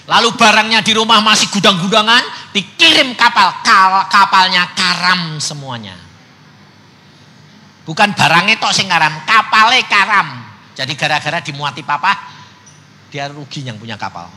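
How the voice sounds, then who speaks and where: An older man preaching a storytelling sermon, acting out dialogue with big swings in pitch and loudness. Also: expressive, moderate pace. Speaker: evangelist preacher. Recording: long church hall reverb.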